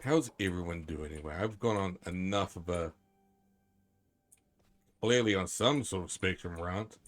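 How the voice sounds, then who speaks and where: A male streamer with a very deep voice rambles along with his game, swearing freely and poking fun at himself. His talk is casual and loose, full of fillers and restarts. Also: normal speed. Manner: rambling, profane, self-mocking. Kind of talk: casual live-stream commentary.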